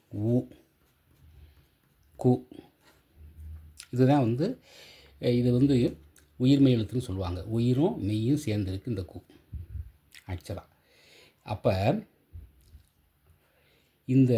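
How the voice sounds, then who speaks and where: A man teaching a grammar lesson, repeating example words slowly for pronunciation practice. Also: medium pitch, mellow, slightly rough.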